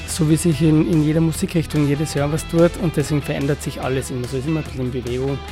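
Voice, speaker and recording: Bar owner guy being interviewed, stops and restarts a lot, slightly high voice, music clearly behind. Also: little pitch movement, very fast. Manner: hesitant, many fillers and restarts. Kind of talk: casual interview answers.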